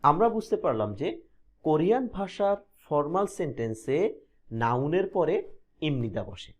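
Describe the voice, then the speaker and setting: A man from Bangladesh, teaching a grammar lesson step by step, slowly repeating each example and asking and answering his own questions. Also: on the high side. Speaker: language teacher.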